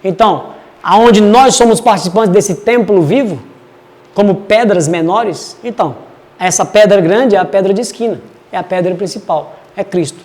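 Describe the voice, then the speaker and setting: A man's voice: sits high, moderate pace, a little mellow, long reverb tail. A man teaching a casual Bible study, chatty and digressive as he reads verses aloud.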